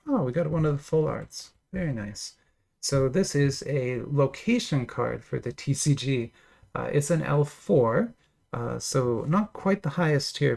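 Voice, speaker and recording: Gravelly-voiced man opening card packs. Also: a little high, darkish tone. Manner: enthusiastic, chatty, frequent fillers and laughs. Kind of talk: casual unboxing commentary.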